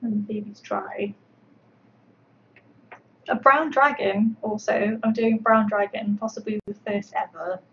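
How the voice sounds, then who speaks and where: A woman's voice: mid-range voice, fairly even intonation, unhurried, long pauses. A woman sculptor chatting casually on a livestream while she paints, rambling along with plenty of fillers. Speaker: sculptor livestreaming her work. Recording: dull lo-fi stream audio with faint background noise.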